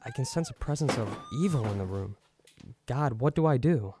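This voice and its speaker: A man's voice: mid-range voice, sing-song, normal speed, very noisy. An actor playing an earnest, devout young male martial artist in an audio drama. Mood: uneasy resolve. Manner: earnest, emotional.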